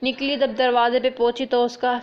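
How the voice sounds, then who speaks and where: A woman narrating a story in a plain, unhurried, conversational way. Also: a little high, flat delivery, clear, resonant tone, dull audio.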